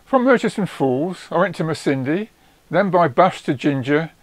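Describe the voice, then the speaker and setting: Higher-pitched man narrating a nature documentary. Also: lively intonation, moderate pace, a little hiss or hum. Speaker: narrator of own wildlife travel film.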